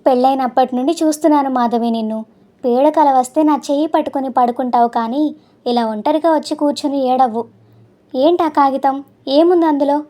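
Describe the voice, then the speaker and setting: A gentle middle-aged husband from a storybook, calm and soothing in a high, warm voice, as a woman narrator plays him. He talks softly and steadily, full of care. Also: brisk, close to an everyday voice. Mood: concerned.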